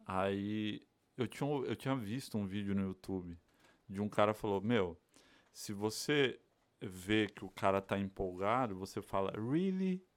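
A man's voice: on the low side, a little slow. A man from Brazil hosting a podcast, telling stories in casual slang with an easygoing manner. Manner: easygoing, slangy, laughing storyteller. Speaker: podcast host. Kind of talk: casual chat.

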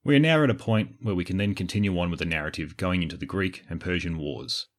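An Australian man hosting a history podcast, reading scripted narration in a measured, explanatory way. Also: low-pitched. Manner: measured, explanatory, answers listener questions.

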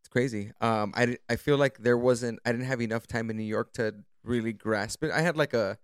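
A man's voice: mid-range voice, fairly quick, smooth, no room sound, studio quality. A man on a podcast in natural, unscripted casual talk, telling stories with slangy, profane enthusiasm. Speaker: podcast guest or co-host.

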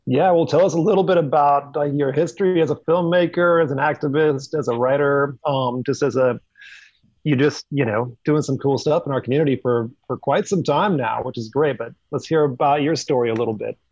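A man's voice: mid-range voice, brisk, darkish tone, no echo. A man hosting a casual chat on a video call, rambling through many fillers and restarts. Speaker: host. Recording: dry, dull video-call audio.

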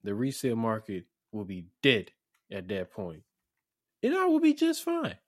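A man co-hosting a casual sneaker podcast, sarcastic and quick to agree with his partner. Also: on the low side, no room sound, studio quality. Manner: lively, sarcastic, agrees with his co-host in short remarks. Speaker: podcast co-host. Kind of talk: casual chat.

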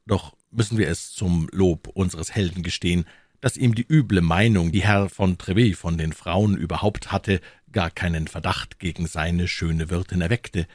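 A man narrating a classic novel as an audiobook, in a measured, steady reading voice. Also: low-pitched, dry recording, clean studio sound.

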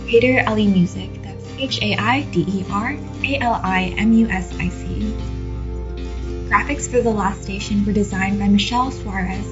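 A woman giving a scripted podcast credits read as the show's associate producer. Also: medium pitch. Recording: slightly muffled, music bed behind.

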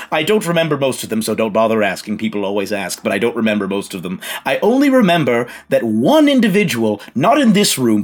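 A man playing a genteel psychic who speaks telepathically into a listener's mind, in a courtly, rambling, hesitant way during tabletop role-play. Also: fairly high pitch.

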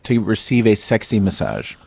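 A man's voice: lowish voice, sing-song, moderate pace, vocal fry, darkish tone, slightly rough, no echo. A man hosting a comedy podcast from a studio, campy, brash and playful in casual chat. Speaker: podcast host. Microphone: studio mic.

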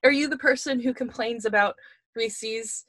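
A woman's voice: a little high, normal speed, fairly bright tone, no room sound. Chatty woman on a video call. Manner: chatty, repeats words, laughs often. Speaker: podcast co-host. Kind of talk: casual chat, tasting snacks.

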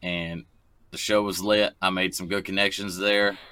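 A man's voice: low-pitched, level tone, normal speed, sharp tone, clean tone, dry recording. A man in his thirties chatting casually as a guest rapper, explaining things in everyday words. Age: 30s. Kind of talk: casual chat.

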